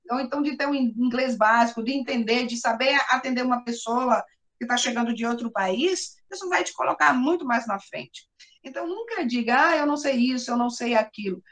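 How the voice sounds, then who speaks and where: High-voiced Brazilian woman teacher. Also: a bit bright. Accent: Brazilian Portuguese. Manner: explanatory, often asks for agreement and addresses the class directly. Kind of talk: classroom explanation.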